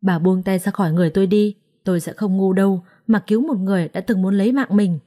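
A woman's voice: mid-range voice, fast, warm tone, close to an everyday voice. Woman voicing a shy but firm young wife.

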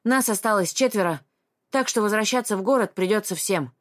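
A woman's voice: mid-range voice, a little fast, close to an everyday voice. A woman voicing an honest, experienced male mountain hiker who speaks firmly and matter-of-factly. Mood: serious. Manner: firm, matter-of-fact.

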